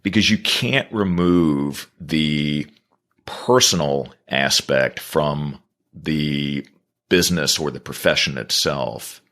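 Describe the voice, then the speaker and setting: A man guests on a business podcast, answering earnestly and in a measured way, building his points through repeated phrases. His voice is extremely low in pitch yet fairly bright in tone.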